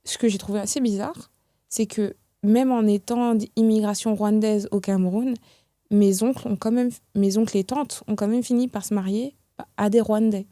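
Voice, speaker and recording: A young woman from France, a podcast guest talking in a reflective, hesitant way with many pauses and restarts. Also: mid-range voice, steady tone, mellow, no room sound, studio quality. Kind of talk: casual podcast conversation.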